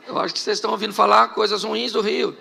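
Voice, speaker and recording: A middle-aged man from Rio preaches with a Carioca accent, and his voice is heavily gravelly and strikingly bright. He speaks at a fairly high pitch and tells comic stories to a congregation in a church. He keeps the tone of a lively sermon. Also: a little hiss or hum. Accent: Carioca Brazilian Portuguese. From Rio de Janeiro, Brazil. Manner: humorous storytelling preacher, laughing at his own jokes. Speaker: pastor. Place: church hall with a live congregation.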